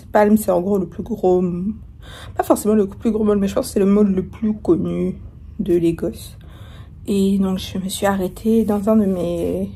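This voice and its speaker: Speaking in a dark, husky, mid-range voice, a young woman vlogs from her hotel room in a chatty, rambling way. The travel vlogger talks casually to camera with lots of fillers and restarts, nursing a sore throat and an oncoming cold.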